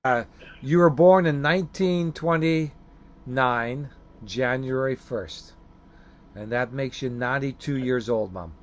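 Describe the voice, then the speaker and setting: A man's voice: mid-range voice, takes it slowly. A middle-aged or older man talking casually, as on a family call and to a camera. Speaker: vlogger, son on a phone call. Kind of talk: casual family phone chat and talk to camera.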